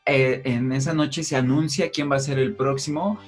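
A young man with a Mexican Spanish accent, explaining family traditions in a relaxed, casual chat. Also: medium pitch, moderate pace, soft background music. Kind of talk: casual conversation.

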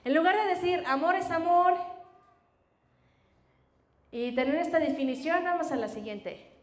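A woman's voice: high-pitched, animated, fairly quick. A woman giving a Bible teaching talk, often asking her listeners questions and answering them herself, with a frequent "ajá". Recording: roomy echo.

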